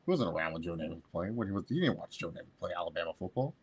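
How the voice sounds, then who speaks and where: Man, 30s, low voice, rambling sports talk, crude jokes. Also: sing-song, very fast, slightly rough. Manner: rambling, crude, self-interrupting. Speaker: podcast co-host. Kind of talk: casual sports chat.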